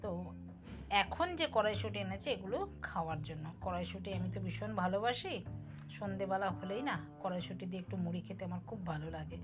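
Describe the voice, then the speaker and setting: A woman's voice: mid-range voice, quick pace, over music. Chatty woman narrating her home cooking. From Bangal family, East Bengal roots. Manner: homely, talks directly to viewers, asks for comments. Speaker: cooking vlogger.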